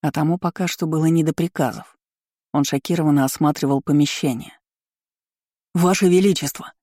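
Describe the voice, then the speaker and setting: An audiobook narrator reading a fantasy novel in a steady, even storytelling manner. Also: medium pitch, fairly quick, dry recording, clean studio sound.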